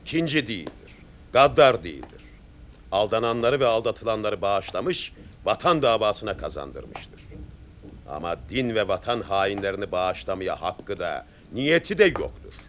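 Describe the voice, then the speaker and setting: An actor playing a stern, resolute middle-aged army captain, speaking in measured, authoritative, oratorical sentences in a period film. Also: male voice, lowish voice, big pitch swings, fairly bright tone, a little hiss or hum. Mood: solemn, resolute. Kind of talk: period film drama acting.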